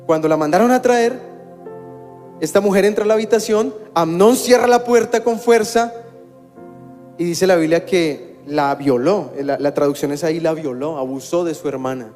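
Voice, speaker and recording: A man's voice: a little high, normal speed, a little mellow. A man preaching a sermon as pastor, conversational, with wry humor. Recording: long church-hall reverb with faint music.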